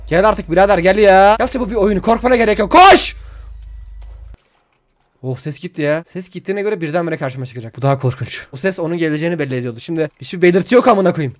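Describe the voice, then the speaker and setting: Jumpy, high-voiced young gaming streamer. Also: male voice, fast talker. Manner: excitable, yelps and shouts in fright, swears a lot; talks to viewers directly. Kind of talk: horror game let's play commentary.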